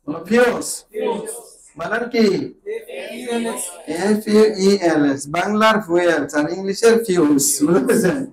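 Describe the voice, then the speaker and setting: A man from Bangladesh leads an IELTS reading lesson in a high voice. He walks the class through the text and keeps checking that they follow with short repeated questions. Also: moderate pace, pauses often, rough recording. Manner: drills students with repeated questions. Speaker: IELTS teacher.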